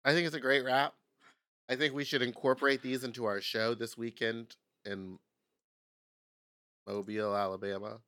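A man's voice: mid-range voice, little pitch movement, normal speed, long pauses, pushed and bright, no echo, clean studio sound. A man co-hosting a crude comedy podcast, teasing and theatrical as he banters over a video call. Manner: teasing, theatrical, wraps up the show. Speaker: podcast co-host. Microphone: video call mic.

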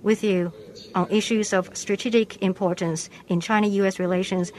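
A live interpreter voice translating a leader's formal remarks, measured and restarting now and then to keep pace. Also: medium pitch, fairly even intonation. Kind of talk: simultaneous interpretation of a formal statement.

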